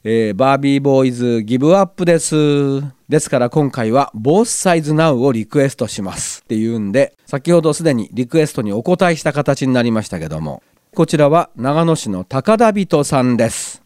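Speaking a little fast in a smooth, expressive, slightly mellow mid-range voice, a man hosts a community radio show. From a glass-walled studio in a cinema, with no echo on his studio mic, he chats casually and reads listener letters aloud.

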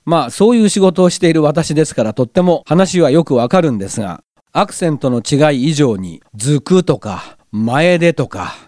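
A middle-aged man speaking as a radio host in a chatty, explanatory way. His pitch sits a little high and swings widely. The studio sound is close and dry. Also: brisk, dry recording. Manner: lively, explanatory, knowledgeable about speech and accents. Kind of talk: chatty local radio talk reading listener mail.

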